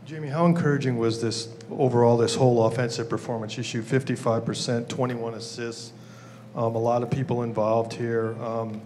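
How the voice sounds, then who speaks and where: A man's voice: mid-range voice, fairly even intonation, moderate pace, a little mellow, a little hiss or hum. Rambling male sports reporter. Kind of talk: press conference question.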